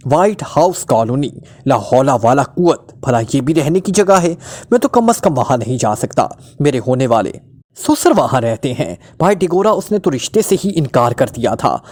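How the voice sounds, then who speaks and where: A man's voice: medium pitch, sing-song, moderate pace, darkish tone. A man voicing a flippant, unflappable male detective who teases and mocks in a breezy way. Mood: teasing. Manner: breezy, mocking, teasing.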